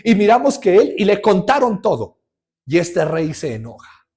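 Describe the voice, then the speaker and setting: High-voiced preacher. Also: male voice, normal speed. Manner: lively storytelling with humor and rhetorical questions. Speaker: pastor. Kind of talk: sermon.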